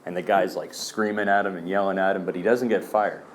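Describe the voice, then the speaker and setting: A man with a low voice shares stories at a meeting in an easygoing, rambling way. He drops in fillers and calls the listeners "man". A faint background noise sits under his voice. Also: fairly even intonation, fairly quick. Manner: loose storyteller, fillers like "man" and "um". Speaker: speaker sharing at a recovery meeting. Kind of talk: casual personal talk.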